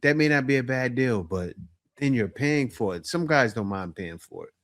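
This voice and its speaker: A man's voice: mid-range voice, animated, moderate pace, a bit bright. A man giving casual commentary on dating, often tagging his points with a question. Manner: conversational, asks "right?" often.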